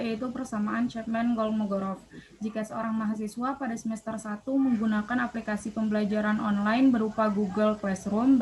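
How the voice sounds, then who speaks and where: A woman's voice: medium pitch, darkish tone, rough recording. A young woman, a student presenter, reading worked probability examples aloud, hesitant with fillers and self-corrections.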